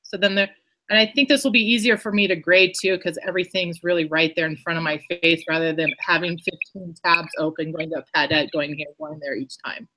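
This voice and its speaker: A woman's voice: fairly low pitch, steady tone, brisk, pushed and bright. A woman teacher explaining her own lesson in a casual, rambling way, often correcting herself as she goes. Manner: rambling, self-correcting, chatty. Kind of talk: casual explanation in an online workshop.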